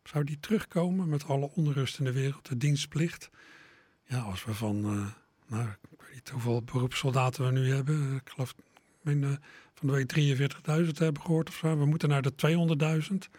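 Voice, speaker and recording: Brief: male radio host, husky voice, dry close sound, easygoing and a little hesitant. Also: mid-range voice, a little fast, darkish tone, no echo. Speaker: radio presenter. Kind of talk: radio music programme presentation.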